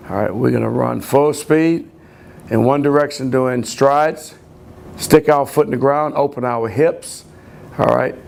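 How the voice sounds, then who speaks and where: A man's voice: medium pitch, gravelly, darkish tone. A man coaching running backs, explaining drills step by step in a plain, repetitive way. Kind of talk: coaching instruction.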